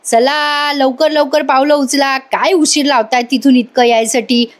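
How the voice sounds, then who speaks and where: A woman's voice: high-pitched, fairly even intonation, measured pace. A woman voicing a short-tempered, bullying middle-aged man who scolds and snaps. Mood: angry. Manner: snapping and scolding. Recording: voice-over recap recording.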